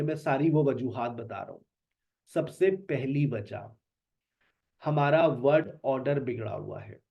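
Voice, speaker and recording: A man teaching an online spoken English lesson, repeating words with emphasis to drill them. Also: medium pitch. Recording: dull lo-fi sound.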